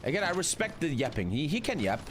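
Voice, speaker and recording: Swearing streamer with lively pitch. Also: male voice, quick pace, a little hiss or hum. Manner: swearing, chatty, reading chat aloud. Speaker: game streamer. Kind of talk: live strategy game commentary. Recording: faint music behind.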